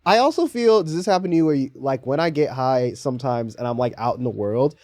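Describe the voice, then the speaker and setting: A man hosting a podcast in casual chat, telling stories with animated, laughing impressions of the people in them. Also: mid-range voice, brisk, dry recording. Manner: animated storytelling, acting out quoted people with laughs. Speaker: podcast host.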